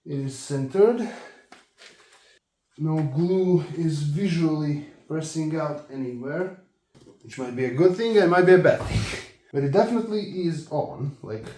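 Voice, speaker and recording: A man talking casually through a do-it-yourself car job. He is hesitant and self-deprecating and thinks aloud as he goes. The audio is a low-quality phone recording made without a microphone. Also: a little slow, dark tone. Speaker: car vlogger. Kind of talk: casual DIY walkthrough. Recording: echoey, noisy phone recording.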